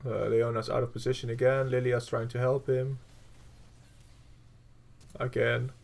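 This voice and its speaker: Blunt, gravelly male game coach. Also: mid-range voice, little pitch movement, unhurried, darkish tone. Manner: blunt and profane, with frequent fillers. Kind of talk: gameplay review commentary.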